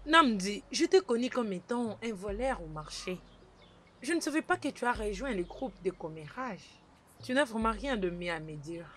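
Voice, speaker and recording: A woman's voice: medium pitch, animated, moderate pace, slight background noise, close to an everyday voice. A woman playing a young village woman who is curt with a former thief and comforts a crying friend, in a French-dubbed film. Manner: firm, then soothing. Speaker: young woman, sister of the seer. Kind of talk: Nollywood film dub in French.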